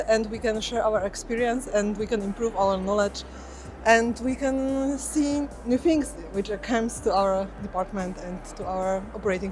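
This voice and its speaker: A woman conference attendee giving earnest vox pop answers. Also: fairly high pitch. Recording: noisy background.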